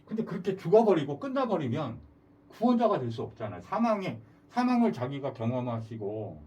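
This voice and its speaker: A man's voice: a little high, a little mellow, distant mic. A man preaching a sermon, emphatic and full of rhetorical questions to the congregation.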